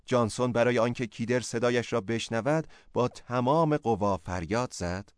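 A man reading a story as narrator, in a steady, measured way. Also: mid-range voice, clear, resonant tone, dry recording, clean studio sound. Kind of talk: scripted narration.

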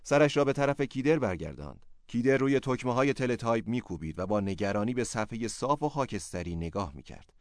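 A man reading a story as narrator, in a steady, measured way. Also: mid-range voice, no echo, clean studio sound. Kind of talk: scripted narration.

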